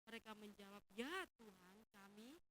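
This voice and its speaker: A woman pastor preaching a sermon, acting out her congregation's complaints in a lively, raised voice. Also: mid-range voice, moderate pace, a little hiss or hum, low-quality recording. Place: church.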